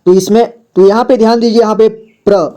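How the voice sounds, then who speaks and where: High, mellow-voiced man teaching reading. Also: fairly even intonation, a little fast. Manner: patient, repeats each word twice and explains letters. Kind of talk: slow word-by-word reading lesson.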